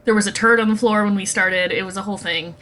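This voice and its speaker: A woman's voice: mid-range voice, steady tone, fast, fairly bright tone. A woman co-hosting a podcast in casual chat, chatty and giggly, swearing freely. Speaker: podcast co-host.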